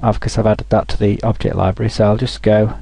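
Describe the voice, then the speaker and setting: A man talking through a software tutorial over a screen recording, thinking aloud with frequent restarts. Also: on the low side, little pitch movement, fast, vocal fry, slightly rough, dry recording, low-quality recording.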